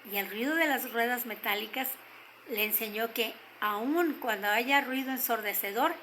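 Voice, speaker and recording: An older woman with a Mexican accent telling a story gently, slowing down to stress key moments. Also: fairly high pitch, slight background noise, low-quality recording. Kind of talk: told story.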